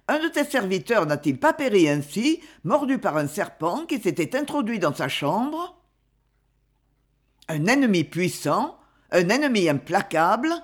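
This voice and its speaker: A narrator voicing a grave, secretive aristocratic mother who warns her son in a solemn, insistent tone. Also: mid-range voice.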